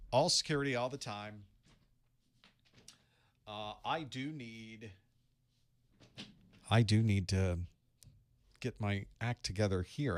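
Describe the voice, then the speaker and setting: A man's voice: lowish voice, dry recording, clean studio sound. A man hosting a live study-group stream, chatting casually and greeting viewers while he sets up his gear.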